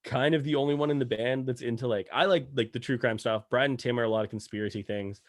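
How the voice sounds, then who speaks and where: A Canadian man in his thirties chats easily as a podcast guest, rambling from one story to the next and swearing freely. His voice sits at an ordinary middle pitch. The sound is close and dry. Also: fast talker, no echo. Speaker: guest musician, bassist. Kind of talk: casual chat.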